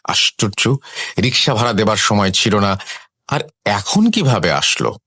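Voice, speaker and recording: A deep-voiced man narrates a spoken horror story in the first person, his pitch rising and falling widely as he builds suspense. The sound is close and dry, with no room echo. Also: a little slow, husky. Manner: expressive, suspenseful.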